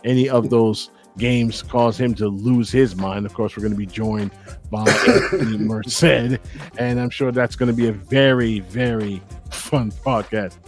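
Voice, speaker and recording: A man's voice: lowish voice, unhurried, soft background music. Blunt, impassioned male podcast host. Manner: blunt and impassioned, repeats phrases for emphasis. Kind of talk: casual sports podcast chat.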